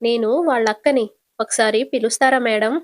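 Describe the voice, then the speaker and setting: Calm, patient older sister with a fairly high voice, as a woman storyteller voices her; retold serial. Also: moderate pace, natural voice. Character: gentle modest young married woman, older sister. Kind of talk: casual retelling of a TV serial.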